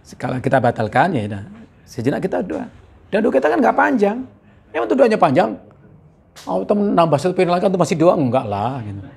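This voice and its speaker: Man, preacher, husky rough voice, higher pitch. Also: fast talker. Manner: animated, breaks into laughs, quotes Arabic. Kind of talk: sermon.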